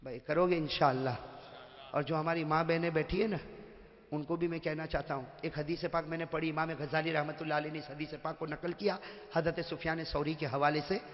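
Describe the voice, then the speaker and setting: A man giving a lively, joking sermon to a gathering, calling out to the crowd and swinging from soft talk to shouting. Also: fairly high pitch. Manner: calls out to the crowd for answers. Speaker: preacher. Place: large hall with a live gathering. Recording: echoey, muffled hall recording.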